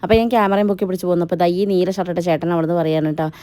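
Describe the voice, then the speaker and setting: A woman's voice: fairly low pitch, steady tone, rapid-fire, mellow, no room sound. A young woman, narrating a family wedding vlog in a chatty, teasing voice-over that speaks straight to viewers. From Kerala. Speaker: family vlogger. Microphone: voice-over mic.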